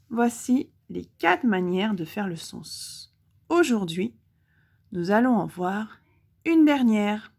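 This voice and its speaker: Woman, French accent, primary teacher, very slow, clearly articulated, pausing for the child's answers. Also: medium pitch, a little mellow. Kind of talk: recorded lesson for young children.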